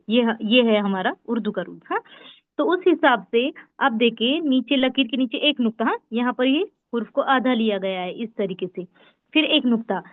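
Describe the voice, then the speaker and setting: A woman with a slightly high voice leads an online class, sounding out each letter slowly and repeating it so it sticks. The audio is dry and narrow, like a phone line. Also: no room sound. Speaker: Urdu teacher. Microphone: online class call. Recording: tinny phone-like call audio.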